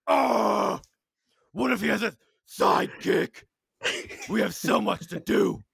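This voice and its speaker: Dude doing a dopey muscle hero, hyped up, super raspy and gravelly. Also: male voice, sits high, slow, no room sound, clean studio sound, pitched above the performer's own voice, full character voice. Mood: excitable. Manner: excitable, blustering. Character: boastful dim-witted superhero strongman.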